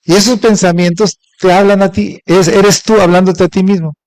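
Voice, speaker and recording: A man's voice: sits high, steady tone, normal speed, a little mellow, no echo, low-quality recording. A middle-aged Mexican man preaching a Sunday sermon as pastor, often asking his congregation questions. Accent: Mexican Spanish. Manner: asks the congregation frequent rhetorical questions.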